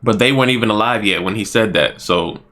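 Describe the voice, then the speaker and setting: A man's voice: fairly low pitch, quick pace, background noise. A man giving a casual, joking movie review, exclaiming and ranting as he goes.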